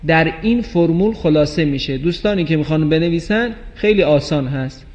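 A man teaching Quranic letter pronunciation, explaining clearly and chanting example words slowly, in a dull recording with long reverb. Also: on the high side, a little mellow. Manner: slow drawn-out chanted recitation of example words. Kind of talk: tajweed pronunciation lesson.

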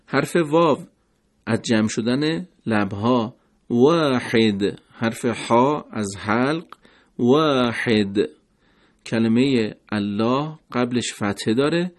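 Male teacher, mid pitch, patient lesson delivery with slowed word demonstrations. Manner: slow, deliberate, repeats words to demonstrate sounds. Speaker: recitation teacher. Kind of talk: pronunciation lesson.

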